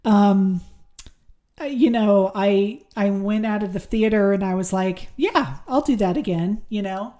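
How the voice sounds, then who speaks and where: On her horror movie podcast, a woman reviews films and shares news solo in a chatty way, stumbling into many ums and restarts. Her mid-range voice is warm and unhurried, though somewhat worn from losing it.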